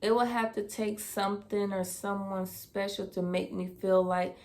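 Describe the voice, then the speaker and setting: In a casual Q&A tag video, a woman in her 20s from Dayton, Ohio, US fields personal questions on her vlog, using fillers as she thinks out loud. Her voice is medium-pitched, steady and a little mellow, at a moderate pace.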